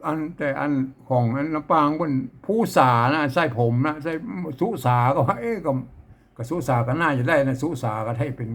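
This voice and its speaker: A man with a Northern Thai accent leads a lesson on traditional verse. He chants each line in a raised, sing-song voice. Between lines he drops into low, easy explanation, and his pitch swings a great deal. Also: expressive, normal speed. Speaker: teacher.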